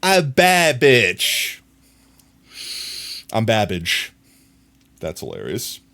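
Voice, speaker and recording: A man's voice: on the low side, wildly swooping pitch, drawn-out words, gravelly, pushed and bright. Man chatting casually on a live stream. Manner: chatty, amused, talks to chat. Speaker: streamer reacting to clips.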